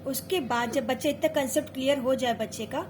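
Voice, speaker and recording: A woman with a high, light voice gives a patient instructional lesson. She explains each step, slows down to sound out syllables one by one, and keeps checking in with her listeners. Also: background noise. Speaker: teacher and mother. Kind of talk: instructional lesson for parents and teachers.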